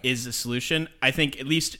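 A man's voice: mid-range voice, steady tone, fairly quick, heavy background noise. A man in casual comedic banter while gaming, rambling and restarting his sentences.

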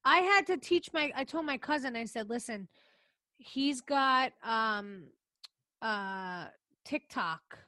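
A woman's voice: a little high, animated, slow pace, sharp tone, dry recording. A woman in casual chat with friends, blunt and swearing freely.

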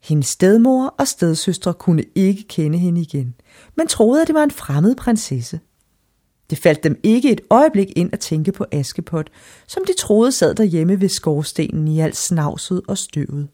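A woman narrating a fairy tale aloud in an expressive storybook reading style. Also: on the low side.

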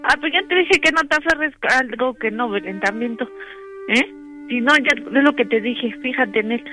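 Here a man puts on a worried young sister in a radio prank call. She sounds very high and bright, insistent and pushy. A little music plays faintly behind her. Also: moderate pace, full character voice. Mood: pleading. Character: worried young woman, the sister, pleading and scolding.

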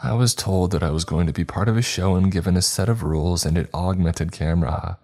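A man voicing a weary older woman who has survived on an island for decades, speaking gently but bluntly. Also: sits low, a little fast. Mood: gentle.

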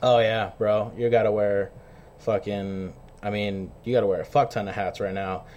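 A man's voice: lowish voice, steady tone, normal speed, a little mellow, muffled recording, slight background noise. Slangy man hosting a podcast. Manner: slangy, swearing, chummy. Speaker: podcast host. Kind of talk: casual interview chat.

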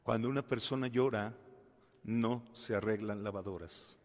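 A man preaching a sermon. He tells a story with dramatic swings from soft to loud and asks the listeners questions. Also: on the low side, fairly even intonation, moderate pace. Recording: long hall reverb.

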